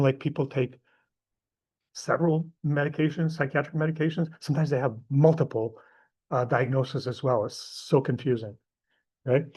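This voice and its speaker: A man's voice: medium pitch, mellow, breathy edge. A middle-aged man from Portugal with a Portuguese accent gives a live class lecture in a casual, conversational way, with many fillers and asides.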